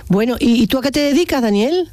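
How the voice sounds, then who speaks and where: A woman's voice: high-pitched, expressive, fast, darkish tone, dry recording. A woman hosting a morning call-in radio show, chatty and encouraging with her callers. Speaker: radio host.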